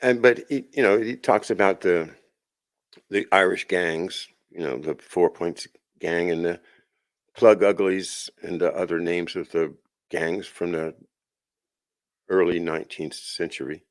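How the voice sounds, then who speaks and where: Very deep-voiced man rambling. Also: steady tone, unhurried. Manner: rambling, with many restarts and asides. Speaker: podcast host. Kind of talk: casual monologue.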